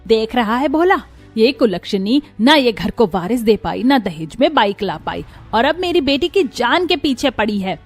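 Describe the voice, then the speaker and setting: A woman's voice: on the high side, big pitch swings, normal speed, hardly any pauses. A woman voicing a cruel middle-aged mother-in-law in a cartoon, harsh and taunting, over faint music. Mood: scolding. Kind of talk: cartoon voice acting.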